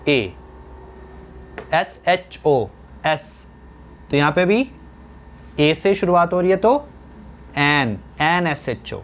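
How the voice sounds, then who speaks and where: A young man teaching English grammar in a slow classroom style, asking questions and answering them himself. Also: fairly high pitch, expressive, slight background noise.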